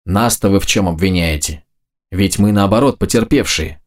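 A man's voice: sits low, moderate pace, lightly acted. A man voicing a tired, frightened mother who speaks wearily and pleadingly, in an audiobook reading. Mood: weary anxious. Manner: weary, pleading, anxious.

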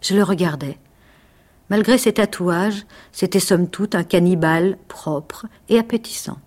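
An actress reading a passage from a novel aloud, with expressive, dramatic pacing. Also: female voice, fairly low pitch, unhurried.

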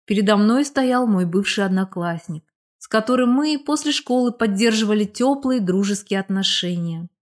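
A young woman narrating a first-person story as an audiobook, reading in a lively, expressive way. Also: medium pitch, moderate pace.

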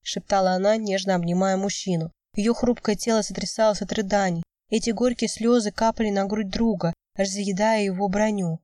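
Dark-voiced woman narrating an audiobook. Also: mid-range voice, fairly even intonation, a little fast, few pauses, no echo, clean studio sound, recorded from a distance.

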